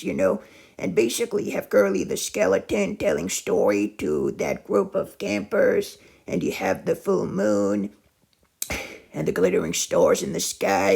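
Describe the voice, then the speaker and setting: A man's voice: sits high, vocal fry, breathy edge. A man casually reviewing books for his online channel, often repeating himself and hesitating as he goes. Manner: hesitant, repetitive phrasing. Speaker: YouTube book reviewer. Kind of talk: casual book review vlog.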